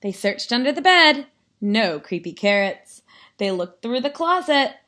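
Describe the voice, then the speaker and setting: A woman reading a picture book aloud, telling it dramatically with hushed, spooky drops. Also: fairly high pitch, very animated, measured pace. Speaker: story reader.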